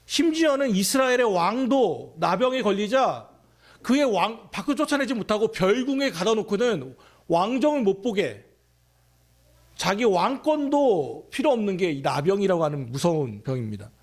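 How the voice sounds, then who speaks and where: A man's voice: high-pitched, big pitch swings, moderate pace. A man preaching a sermon as pastor of a church, talking conversationally and asking his listeners many questions.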